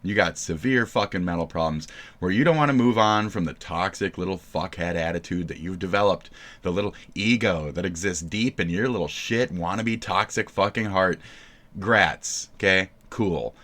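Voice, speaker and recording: A man streaming live, ranting in profane, mocking commentary that keeps jumping into loud shouts. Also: low-pitched, normal speed.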